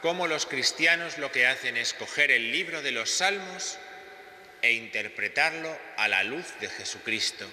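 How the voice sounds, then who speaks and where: Male priest, solemn liturgical delivery, sharp forceful voice, long cathedral echo. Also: mid-range voice, animated, moderate pace. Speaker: priest celebrating Mass. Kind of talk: solemn Gospel reading and homily. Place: large reverberant church. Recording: echoey church with long cathedral-like reverb.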